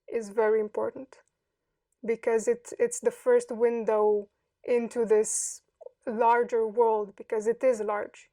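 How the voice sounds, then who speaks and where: A woman in her thirties from Romania, answering interview questions slowly and with care, pausing often to find her words. Her voice sits fairly high but stays flat and even. It sounds dry and set back from the microphone. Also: dry recording, recorded from a distance. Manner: thoughtful, hesitant, many pauses and fillers. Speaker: podcast guest.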